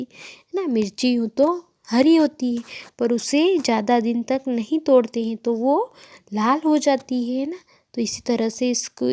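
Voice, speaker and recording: Slow-talking woman teacher reading a lesson. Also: a little high, darkish tone. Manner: asks questions and answers them herself, frequent tag questions. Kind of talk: reading a textbook lesson to children.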